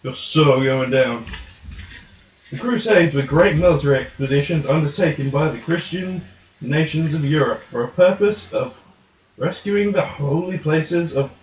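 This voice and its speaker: Guy narrating a scripted history puppet show, bit high voice, echoey room. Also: moderate pace, darkish tone, slight background noise.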